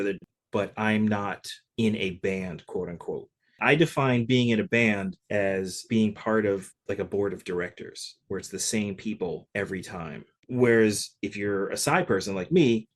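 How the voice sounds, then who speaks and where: A man from Connecticut, a session percussionist, telling stories in a relaxed interview with lots of "like" fillers. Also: fairly low pitch. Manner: relaxed, chatty, frequent "like" fillers. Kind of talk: casual interview storytelling.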